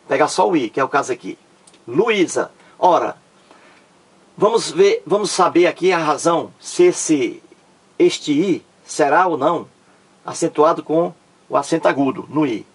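A man from Ceará, Brazil, with a matching accent teaches an online grammar lesson. His husky voice sits a little high and moves around a lot as he leans on key words. He works through each rule slowly and checks in with the listener as he goes. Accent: Ceará Brazilian Portuguese. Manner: explanatory, repeats points with "ó" and "tá?".

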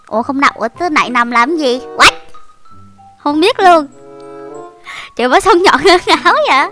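A young woman giving excitable, giggly gameplay commentary full of dramatic exclamations. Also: high-pitched. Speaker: game YouTuber.

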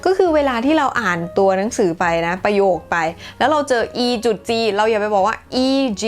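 A woman hosting her own channel, teaching English in a bilingual lesson with a chatty, playful, self-teasing manner and careful model sentences. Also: medium pitch.

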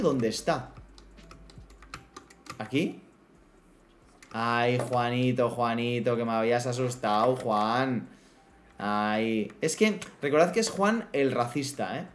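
A man with a voice on the high side streams a block-building game, with slight background noise in the clip. He chats playfully with his viewers and talks to his in-game pets, including his horse, in casual live gameplay banter.

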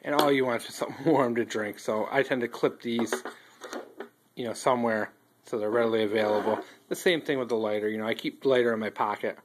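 A man casually reviewing outdoor fire starters, talking in a relaxed, rambling way with many ums and restarts, recorded on a phone he holds while filming a tabletop indoors. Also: mid-range voice, quick pace, background noise. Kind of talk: casual show-and-tell review. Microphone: handheld phone filming table close up.

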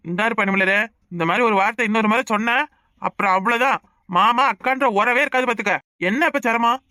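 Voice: mid-range voice, fairly quick, bright, forceful tone, no echo, clean studio sound, natural voice. A performer voicing a bossy but caring middle-aged village uncle in a cartoon, with a Kanyakumari Tamil accent. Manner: bossy but affectionate, scolding. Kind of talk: cartoon voice acting.

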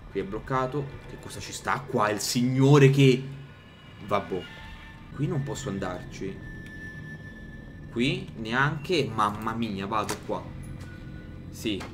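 Jumpy, swearing man commentating a horror game. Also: medium pitch. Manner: jumpy, swearing, joking to himself. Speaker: gaming streamer. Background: game music.

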